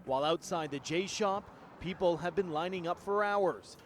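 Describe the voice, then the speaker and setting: A man's voice: high voice, moderate pace, a crowd in the background. A man reporting for TV news from outdoors by a ballpark, with an upbeat, punchy scripted delivery.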